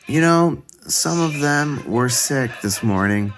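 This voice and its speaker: A jolly old Santa Claus, as a male storybook reader puts him on, hearty and chatty. His delivery is slow and swings up and down, raised and exclaiming, with a flustered edge. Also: medium pitch, animated, voice pushed up. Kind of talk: children's storybook character voice.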